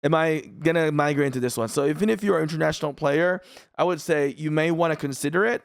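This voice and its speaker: Speaking quickly in a slightly high, creaky voice, a gaming YouTuber from the Philippines, a native Filipino speaker, rambles casually over a strategy game on his channel, chatty and relaxed. The studio-quality audio comes from a studio mic in a dry room, with no room sound.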